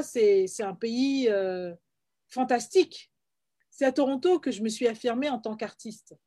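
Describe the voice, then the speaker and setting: Earnest French woman, slightly high voice. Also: darkish tone. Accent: French from France. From France, Paris. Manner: earnest, reflective, with frequent hesitations and repeated words. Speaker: guest, filmmaker and playwright. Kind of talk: personal testimony in an interview.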